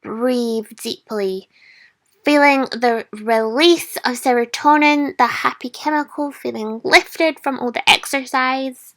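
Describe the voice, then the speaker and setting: A woman's voice: sits high, measured pace, few pauses, a bit bright, dry recording. A woman fitness instructor guiding viewers through a workout in an informal, encouraging, motivational way. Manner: addresses listeners informally as a group.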